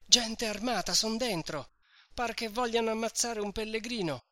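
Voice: medium pitch, normal speed, no echo, studio quality, voice pushed up, lightly acted. A reader doing a breathless villager with urgent news. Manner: urgent, shouting.

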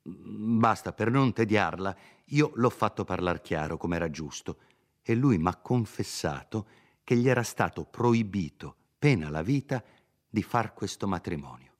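A man voicing an honest young villager who talks in an earnest, pleading, hurried way, in a dramatized reading of a classic novel. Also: on the low side, expressive.

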